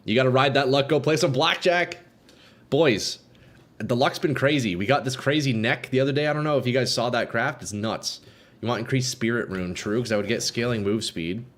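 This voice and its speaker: A man's voice: mid-range voice, a little fast. Casual frat-bro guy live streaming a game. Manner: frat-bro slang, swearing, addressing viewers as boys, bro, dude.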